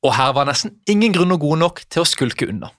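A man reads a scripted narration briskly and matter-of-factly. His voice sits fairly high, and it is recorded dry and close. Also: sing-song, a bit bright, no echo.

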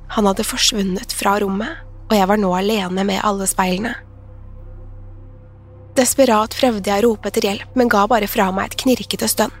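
A woman reading a first-person horror story aloud in a calm, measured way. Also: medium pitch. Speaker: narrator. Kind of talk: scripted horror narration. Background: soft music.

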